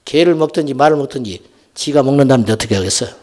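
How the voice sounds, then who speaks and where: A middle-aged man preaching a Friday night sermon as senior pastor, telling folksy stories and swinging from loud exhortation to hushed asides. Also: mid-range voice, very fast. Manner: animated, swings between shouting and near-whispering asides; folksy storytelling with acted quotes. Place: church sanctuary.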